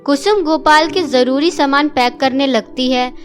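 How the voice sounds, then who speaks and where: High-voiced woman narrating a cartoon story. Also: measured pace, soft background music.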